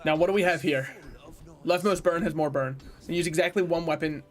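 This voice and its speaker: A man's voice: on the high side, fairly quick. A man streaming a card game, talking casually through his moves, swearing now and then and laughing at his own jokes. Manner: chatty, swears, laughs at himself. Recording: faint music behind.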